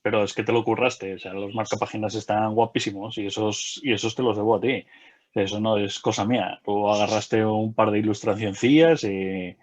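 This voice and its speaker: A man's voice: lowish voice, steady tone, moderate pace. A middle-aged man, talking casually in an interview, hesitant with many fillers and restarts. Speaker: game designer and illustrator.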